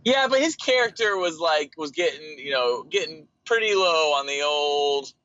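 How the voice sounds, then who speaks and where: A man's voice: fairly high pitch, expressive, normal speed, pushed and bright. A man co-hosting a casual podcast chat, joking and teasing his co-host. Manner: joking, teasing, laughs easily. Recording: dull lo-fi mic.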